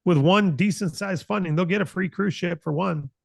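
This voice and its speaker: An American man in his late fifties, a company founder hosting a broker announcement meeting, gives an informal motivational business talk. His voice sits high with vocal fry and a moderate pace, and he's earnest and conversational, repeating phrases for emphasis. The recording is dry.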